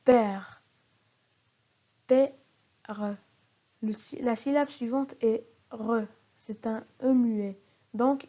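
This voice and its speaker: A woman's voice: fairly high pitch, mellow. A woman teaching a recorded spelling lesson, carefully spelling out example words syllable by syllable. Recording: dull lo-fi recording.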